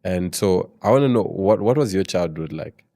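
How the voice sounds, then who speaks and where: A man's voice: sits low, expressive, normal speed, gravelly, mellow, no room sound, clean studio sound. A man, an interview host asking questions in a casual conversational way.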